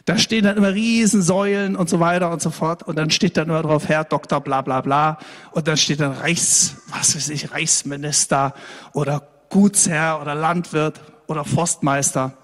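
A man preaching a lively, conversational sermon to a congregation, speaking to them directly and often checking in with them. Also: a little high, moderate pace, long reverb tail. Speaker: pastor. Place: church hall.

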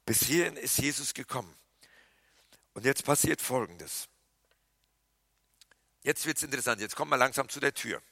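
A man preaching a sermon as pastor, animated, with loud emphatic lines that drop to hushed quiet passages. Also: medium pitch, normal speed, long pauses, no echo.

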